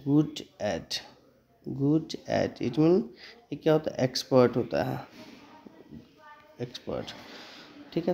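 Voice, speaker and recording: A man's voice: medium pitch, warm tone. Man teaching pronunciation. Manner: spells words letter by letter, slow and deliberate; mixes Hindi with English. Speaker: English teacher. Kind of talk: spoken English pronunciation lesson.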